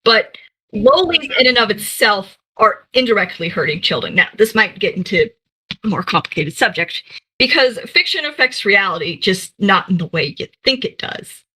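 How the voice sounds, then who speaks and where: A bright, forceful woman's voice reaches us over a voice call whose audio keeps breaking up into glitchy dropouts. She rambles through a casual discussion, stacking fillers and restarts as she goes. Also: mid-range voice, very animated, normal speed, breathy edge, poor audio. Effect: glitchy audio cutting out on a voice call. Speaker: panel speaker on a group voice call.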